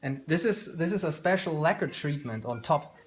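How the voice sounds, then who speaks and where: His voice is a little high and animated, moving at normal speed, as this founder in his thirties leads a workshop tour. He has a German accent, explains his work informally, and often gropes for words. The recording comes from a handheld camera a couple of metres away in a small indoor workshop, sounding roomy with background noise and clicks.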